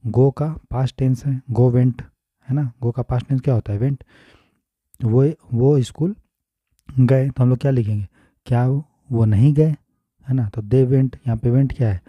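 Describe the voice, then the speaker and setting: A man's voice: mid-range voice, fairly even intonation, normal speed, dry recording, narrow, tinny audio. An Indian man teaching an exam-prep grammar lesson, explaining step by step and often checking if students follow.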